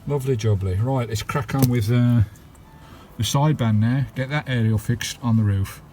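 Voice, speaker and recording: Warm in tone and mid-range in pitch, this English-accented man speaks at normal speed over a faint hiss or hum. Chatty and colloquial, he talks to viewers like mates as he shows the hands-on radio installation in his parked campervan, filmed with a handheld camera mic.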